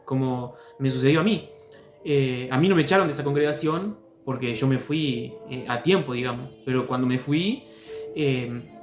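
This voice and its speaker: Calm man in an echoey room. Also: medium pitch. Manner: hesitant, many fillers and restarts, calm. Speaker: host commenting on testimonies. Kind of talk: critical commentary and personal story.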